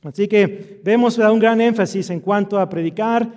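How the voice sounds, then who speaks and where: A man's voice: high voice, normal speed, a little mellow. A man preaching an earnest sermon in a church, often using fillers and asking rhetorical tag questions. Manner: earnest, with fillers like "este" and "¿verdad?".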